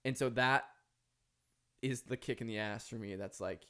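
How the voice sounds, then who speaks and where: A man's voice: medium pitch, normal speed, a bit bright, clear, resonant tone. A man with a Minnesota accent speaking earnestly and reflectively as an author guest in a podcast conversation. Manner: earnest, philosophical, emphatic.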